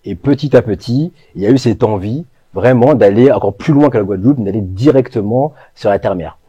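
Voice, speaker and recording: A French-born man answers interview questions about his brand in a low, dark voice. He talks thoughtfully and hesitantly, with lots of fillers and pauses. His voice has a slightly husky texture and sounds dry and close. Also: no room sound, lo-fi sound. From France. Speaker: co-founder of a natural products brand.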